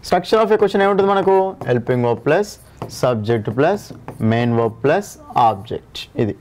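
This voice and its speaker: A man's voice: mid-range voice, big pitch swings, brisk, darkish tone. A man with a Telugu accent teaching an exam-prep English grammar lesson, repeating each rule and checking that students follow. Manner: repeats each rule and asks the class to confirm.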